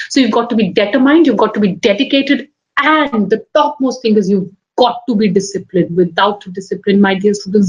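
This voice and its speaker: A woman's voice: medium pitch, rough recording. A woman with an Indian accent speaking as a biology teacher, giving an emphatic motivational lecture to students and repeating key phrases.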